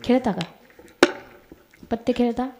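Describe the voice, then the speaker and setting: High-voiced woman preaching a kirtan. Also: fairly even intonation, a little slow, very noisy. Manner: preaching, addressing the audience directly. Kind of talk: devotional sermon.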